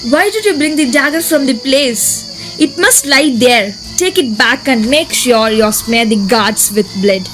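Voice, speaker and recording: Woman playing controlling noble wife, stage drama, raised pitch, music in background. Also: animated, unhurried, a bit bright, rough recording. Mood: brisk, controlling. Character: scheming, controlling noble lady, bossy wife. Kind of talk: amateur stage drama acting.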